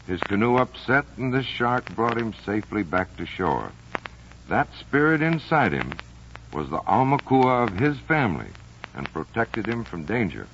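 Man acting earnest, ominous superstitious friend, low-voiced. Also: big pitch swings, moderate pace, a bit bright. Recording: dull vintage recording with faint noise.

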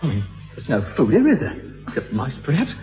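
A man's voice: medium pitch, huge pitch swings, fast talker, faint music behind. An actor playing an unhinged young male killer who taunts his captive, mocking and swinging between menace and giggles. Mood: creepy. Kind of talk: radio-drama acting. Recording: tinny old radio recording in echoey hall.

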